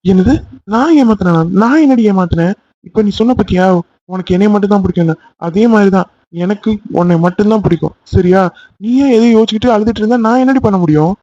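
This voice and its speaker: A man's voice: high-pitched, quick pace, dark tone, dull audio, natural voice. A man voicing a young man in a cartoon love story, pleading insistently with his angry girlfriend. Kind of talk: cartoon voice acting.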